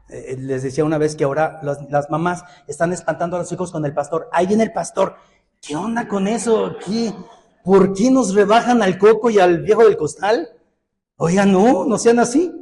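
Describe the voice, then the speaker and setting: High-pitched Mexican pastor preaching. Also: male voice, big-room sound. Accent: Mexican Spanish. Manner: lively and joking, swings from loud exhortation to low asides. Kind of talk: sermon. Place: church hall.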